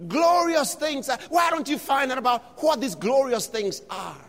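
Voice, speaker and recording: High-pitched preacher guy, slow and shouty, long echo like a big church hall. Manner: calls out to the congregation, shouts refrains. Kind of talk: fervent sermon with scripture reading.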